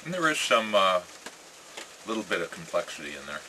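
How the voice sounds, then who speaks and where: Very low-voiced American man, musing casually. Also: very animated, pushed and bright, poor audio. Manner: musing, halting, with trailing phrases. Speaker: pipe-smoking vlogger. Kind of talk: casual rambling chat to camera. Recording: clear ambient noise with birdsong.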